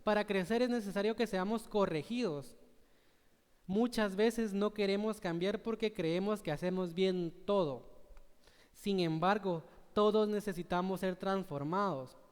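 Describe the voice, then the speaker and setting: Young Guatemalan male preacher, high and smooth, earnest and chatty with the congregation. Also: unhurried, darkish tone. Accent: Guatemalan Spanish. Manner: earnest, conversational, asks the congregation "¿verdad?". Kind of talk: sermon. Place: church sanctuary. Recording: church hall reverb.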